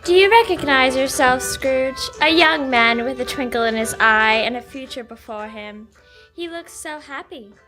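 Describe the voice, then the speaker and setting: A woman playing a solemn, gently commanding ghost in a radio play, speaking in a measured, formal way. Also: high-pitched, expressive. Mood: probing. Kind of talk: old-time radio play acting. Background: music.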